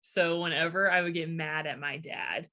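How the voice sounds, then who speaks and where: A young woman in her twenties co-hosts a casual podcast. Her voice is bright and forward, and she chats easily, laughing often as she tells her own stories. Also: deep voice, steady tone, moderate pace. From rural United States farming community. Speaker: podcast co-host.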